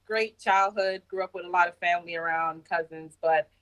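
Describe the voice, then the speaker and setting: A Navy senior chief, born in Jamaica and raised in Brooklyn, New York, tells her story slowly as a guest on a podcast, calling remotely from her home abroad. Her low voice is steady and fairly bright, the recording muffled, and her reflective, casual storytelling is sprinkled with light laughs.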